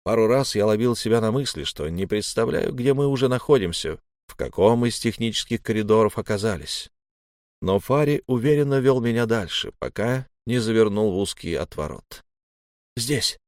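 A man narrating a first-person audiobook in a steady, measured way. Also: on the low side, dry recording, studio quality.

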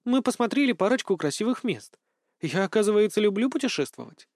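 Male reader plays young bride, high-pitched, tearful, whiny; audiobook. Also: big pitch swings, a little fast, a little mellow, dry recording, studio quality. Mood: playful.

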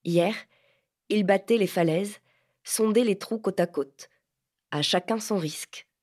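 A woman reads a literary novel aloud at a middling pitch, measured and clear. Her narration is even and unhurried, an audiobook reading. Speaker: audiobook reader.

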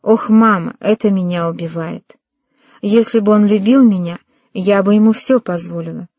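A woman's voice: mid-range voice, normal speed, a little mellow, no echo, close to an everyday voice. A woman voicing a proud young woman who turns hysterical and tearful, in an audiobook reading. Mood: sobbing. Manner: stiff and prim, then hysterical and tearful.

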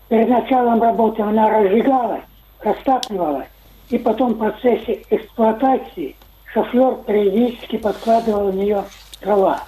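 Older male caller on a roomy phone line, mellow dark voice, stiff formal phrasing. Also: high voice, slight background noise. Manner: formal, wordy, technical phrasing. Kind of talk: radio call-in comment. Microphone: telephone.

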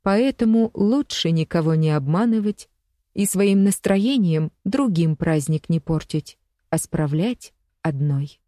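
A woman narrating an audiobook story in a measured, even storytelling manner. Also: fairly low pitch, no echo, clean studio sound.

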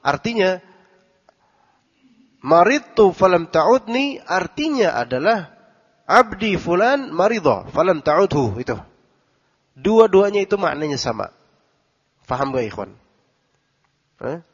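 A man's voice: high voice, very animated, slow, long pauses, breathy edge. A man teaching a religious study lesson, translating Arabic text phrase by phrase and quizzing his listeners. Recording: dull recording with long hall reverb.

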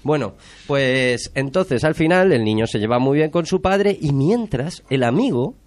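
A man's voice: medium pitch, expressive, measured pace, a little mellow. Sarcastic Spanish man retelling a film. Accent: Spain Spanish. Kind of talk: casual film review chat.

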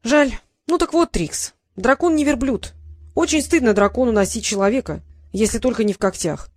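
A woman's voice: on the high side, expressive, moderate pace, no echo, studio quality. A woman voicing a huge, vain male dragon who speaks grandly and a little bashfully. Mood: grandiose. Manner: grandiose, declaiming.

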